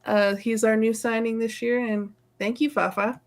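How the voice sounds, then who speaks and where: A woman with a slightly high voice recaps games in a loose, chatty way. She sounds like a co-host talking among friends, informal and unscripted. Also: flat delivery, normal speed. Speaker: sports show co-host. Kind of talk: casual sports recap chat.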